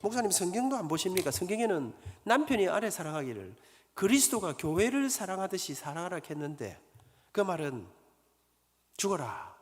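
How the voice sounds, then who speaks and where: A man voicing a calm male pastor who needles his friend. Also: sits high, fairly quick, big-room sound. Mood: needling.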